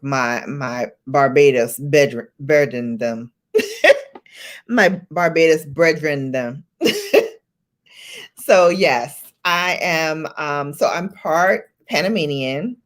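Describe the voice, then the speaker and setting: She speaks low, stretching her words out, as she hosts a casual livestream. Originally from Brooklyn, New York, and carrying that accent, she keeps up a chatty flow, laughing often and naming viewers as they arrive, with faint music behind.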